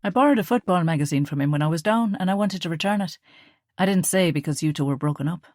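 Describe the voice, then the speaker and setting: A woman reading the part of a cheerful, joking young man in an audiobook, lively and teasing. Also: lowish voice, quick pace, no echo, clean studio sound, close to an everyday voice. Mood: sheepish. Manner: playful, teasing, loud and lively.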